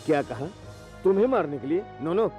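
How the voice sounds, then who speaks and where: A man's voice: fairly high pitch, expressive, brisk, warm tone, soft background music, lightly acted. A man dubbing a worried, wealthy middle-aged father who frets over his daughter. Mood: anxious. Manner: anxious, fatherly. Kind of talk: Hindi film dubbing.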